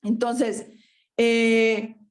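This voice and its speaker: A woman's voice: fairly high pitch, level tone, very slow. A woman preaching a sermon to her congregation, often tagging her points with a questioning "verdad" and "ajá" and calling her listeners brothers and sisters. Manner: frequent rhetorical "¿verdad?" and "ajá"; addresses congregation as hermanos.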